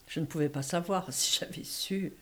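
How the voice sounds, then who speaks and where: A woman's voice: on the low side, moderate pace, lightly acted. An actress playing a stubborn, defensive and self-blaming woman in a stage-play dialogue, with emphatic, protesting repetition. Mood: weary.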